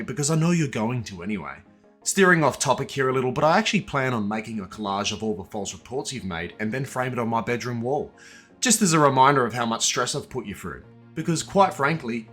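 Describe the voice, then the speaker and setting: A man's voice: medium pitch, expressive, a little fast, fairly bright tone, soft background music. A man narrating a scripted exposé in a casual, blunt and profane manner, with sardonic asides aimed directly at the person he is exposing. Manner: sardonic, addresses his target directly.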